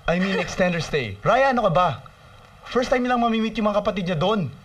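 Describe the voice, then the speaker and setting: A man's voice: high-pitched, expressive, fairly quick, fairly bright tone, far from the mic. An actor playing a smug, defensive estranged father in a film drama. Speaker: father, boss.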